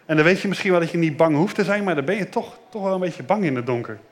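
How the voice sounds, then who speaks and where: A man's voice: on the high side, fast. Man leading a children's church service. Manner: lively, asks the children questions.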